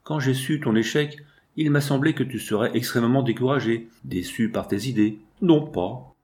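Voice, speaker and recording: A man's voice: mid-range voice, normal speed, darkish tone, natural voice. A man voicing an earnest young woman, wounded and reproachful, in a read-aloud novel. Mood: bitter.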